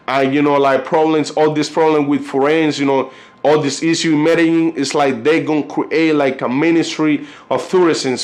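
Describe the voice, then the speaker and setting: Speaking on the higher side, a Colombian man from Cartagena chats informally in a video, his Colombian Spanish accent marking him as a native Spanish speaker. He wanders loosely from point to point, leaning on "you know" and "like", and halts whenever he reads something aloud.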